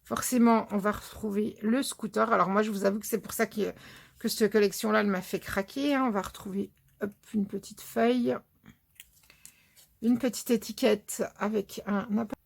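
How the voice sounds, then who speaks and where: Chatty French woman, gravelly voice. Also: medium pitch, fairly even intonation, normal speed. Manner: chatty, fillers like euh and hop, thinking aloud. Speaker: scrapbooking vlogger. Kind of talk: casual haul video.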